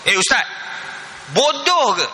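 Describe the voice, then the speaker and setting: A man putting on an arrogant millionaire, bankrupt yet still proud, who scoffs and snaps in bright, sharp bursts. The voice booms back from a large hall. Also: very animated, slow, husky, heavily acted. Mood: indignant. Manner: scornful, indignant outbursts. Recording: reverberant hall.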